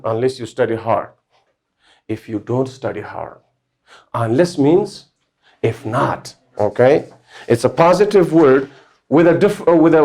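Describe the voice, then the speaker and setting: A man's voice: fairly high pitch, darkish tone. Man teaching an English grammar class. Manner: explains step by step, often checks understanding.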